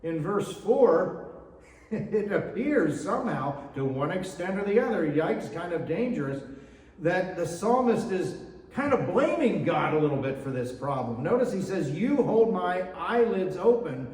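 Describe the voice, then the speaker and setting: A man's voice: high-pitched, big pitch swings, unhurried, darkish tone. A male pastor giving a sermon in a church, reading scripture and adding casual, conversational asides. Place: church sanctuary. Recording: echoey church hall, mic from far off.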